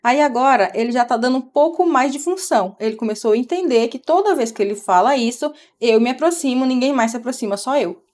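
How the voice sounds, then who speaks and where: A woman's voice: high voice, expressive, fast, hardly any pauses, darkish tone. A middle-aged woman from Brazil, a mother chatting casually on a live stream and explaining things as she goes. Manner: chatty, explains while talking to her child.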